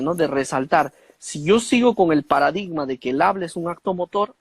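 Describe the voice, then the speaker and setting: A man's voice: a little high, gravelly, husky, no room sound. Dry-voiced man explaining at length. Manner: didactic, with frequent fillers and tag questions. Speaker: guest expert on speech disorders. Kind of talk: explanatory conversation.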